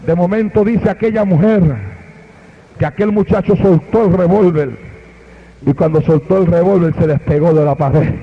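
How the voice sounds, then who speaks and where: A man's voice: high-pitched, moderate pace, slightly rough. A man preaching a fiery sermon, telling a story emphatically and calling out to the congregation. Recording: dull lo-fi sound.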